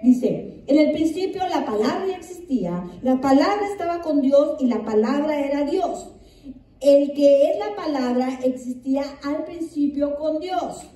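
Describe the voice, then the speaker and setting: A woman pastor delivers a sermon from some distance, her voice ringing in an echoey room. She sounds high and very mellow. She reads scripture aloud again and again and asks the listeners questions. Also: animated, unhurried.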